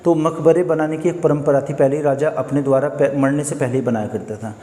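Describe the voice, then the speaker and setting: A man's voice: on the high side, fairly even intonation, a little fast, warm tone, echoey room, big-room sound. A man teaching a history lesson for exam preparation, who keeps asking questions and answering them himself. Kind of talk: exam-prep lecture. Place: coaching classroom.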